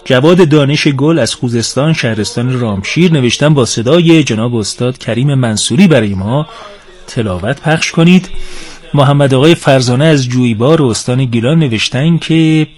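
A man hosting a religious radio program in a calm, reverent and courteous way, speaking into a studio microphone. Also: mid-range voice. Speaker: radio host.

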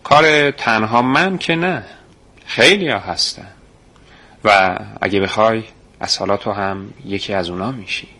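A man voicing a calm, secretive grown man who speaks in a reassuring, confiding way. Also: on the low side. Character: calm secretive middle-aged man recruiting a boy.

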